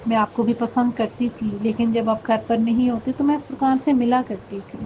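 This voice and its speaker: A woman's voice: on the high side, fairly even intonation, lo-fi sound, noisy background, close to an everyday voice. A woman voicing a frightened, guilty young wife in a read-aloud story. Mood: fearful.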